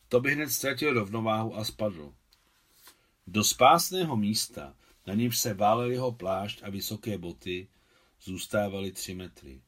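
A man, the translator, reading his own translation of a novel aloud in a calm, measured storytelling manner. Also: on the low side.

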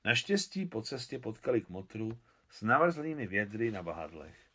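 A man reads a novel aloud in a measured, expressive way. His voice sits fairly low, and his delivery is a calm literary reading. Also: breathy edge. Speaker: translator reading his translation.

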